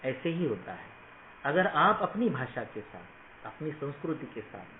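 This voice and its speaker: A man's voice: mid-range voice, very animated, a little slow, reverberant, phone-quality sound, a little hiss or hum. A man teaching Ayurveda students in an emphatic motivational lecture, often asking the class rhetorical questions. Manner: emphatic, rhetorical questions, mixes English phrases.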